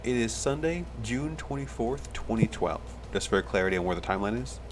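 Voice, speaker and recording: A man's voice: fairly low pitch, lively intonation, a little fast, slight background noise. A man running a tabletop game as game master, explaining rules and describing scenes at length.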